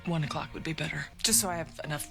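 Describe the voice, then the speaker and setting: A woman's voice: sits low, fast talker, vocal fry, fairly bright tone, soft background music. A tense, sleepless young woman. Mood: earnest. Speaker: TV drama character.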